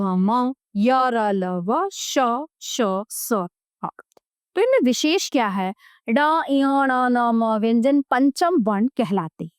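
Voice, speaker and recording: A woman teacher talks her young pupils through a grammar lesson, slowly and deliberately, one letter at a time. Her voice sits a little high, and she keeps pausing to make sure everyone is following. The sound is dry and close, with no room echo. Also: darkish tone. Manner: slow, deliberate, checks in with "ठीक है?". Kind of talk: classroom lesson explaining a video book.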